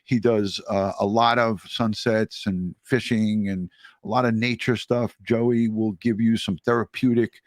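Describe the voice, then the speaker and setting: A man talking casually and appreciatively as a livestream host, in a halting way with pauses. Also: fairly low pitch, steady tone, no room sound, clean studio sound. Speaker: true crime livestream host. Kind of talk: casual livestream talk and sign-off.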